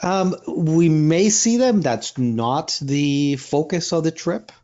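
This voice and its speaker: This muffled recording features a wildlife photographer and workshop leader from Puerto Rico, a Spanish speaker, chatting casually in an interview. He rambles with many fillers and restarts, speaking slowly in a mellow voice on the high side with lively intonation.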